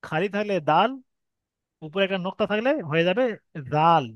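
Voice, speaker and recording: High-voiced Bengali man teaching letters. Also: fast, dry recording, highs cut off. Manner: patient, explains step by step, drags out vowels to demonstrate. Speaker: Arabic reading teacher. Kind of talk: online Quran reading lesson.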